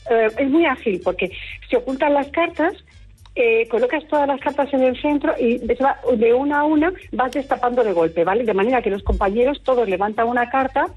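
Woman from Murcia, radio caller, rushed friendly chat, dry muffled line. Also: fairly high pitch, slightly rough, dry recording. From Murcia, Spain. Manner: chatty, nervous and quick, with little laughs. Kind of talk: phone-in chat.

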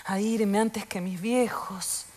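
A woman's voice: mid-range voice, steady tone, slow, darkish tone. An actress delivering a stage monologue as a lonely, anxious woman turning forty who mocks herself. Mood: weary. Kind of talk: theatre monologue recording.

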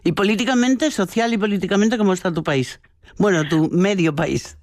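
A man's voice: sits high, normal speed, dry recording, studio quality. A man interviewing a guest on the radio, asking friendly questions with frequent hesitations.

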